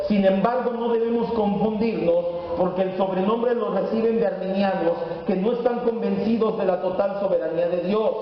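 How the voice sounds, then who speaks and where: Pastor teaching in an echoey hall. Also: male voice, sits high. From Mexico. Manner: teaching, asks the congregation questions. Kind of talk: sermon lesson at a whiteboard. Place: church hall. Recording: echoey hall, far from the mic, dull.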